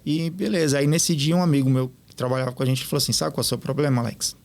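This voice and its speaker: A man, a podcast guest telling stories in an animated way and acting out what others said. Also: medium pitch, quick pace, creaky. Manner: animated, quotes others in lively retellings. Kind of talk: casual storytelling interview.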